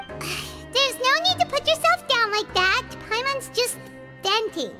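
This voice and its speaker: Paimon, a squeaky chirpy fairy companion. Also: female voice, sing-song, full character voice. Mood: indignant. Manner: speaks of herself in third person, bubbly and quick to complain. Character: tiny floating fairy companion, chirpy, blunt. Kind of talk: video game voice acting. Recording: game audio with loud music behind.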